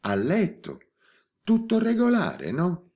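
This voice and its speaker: A serene old woman in her eighties, voiced by a male audiobook reader, speaking in a raised, bright register. She stays composed and matter-of-fact, with a lively rise and fall. Her pace is unhurried and measured. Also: high voice, voice pushed up, exaggerated voice. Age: 80s. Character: elderly spinster woman, calm and unrepentant. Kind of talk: audiobook character reading.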